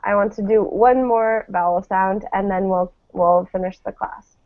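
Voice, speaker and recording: Steady in tone and speaking at normal speed with a medium pitch, a woman coaches English pronunciation live online, encouraging learners as she drills word pairs and enunciates model words carefully. The audio is thin, phone-quality call sound.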